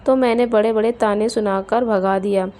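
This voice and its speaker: A woman's voice: medium pitch, steady tone, normal speed, dark tone, natural voice. A woman voicing a harsh scolding mother-in-law. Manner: scolding, taunting. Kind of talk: storybook character voice.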